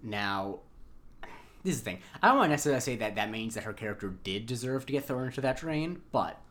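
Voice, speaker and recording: Rambling male podcast host, mid pitch. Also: expressive, quick pace, a bit bright. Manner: rambling, many fillers and restarts. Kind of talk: casual chat recapping a TV episode.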